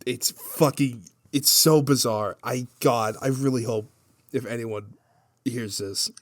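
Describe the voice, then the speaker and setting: A man's voice: mid-range voice, takes it slowly, no room sound. A young man co-hosting a podcast, in a rambling, profane casual chat. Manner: profane, rambling, animated rant. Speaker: podcast co-host.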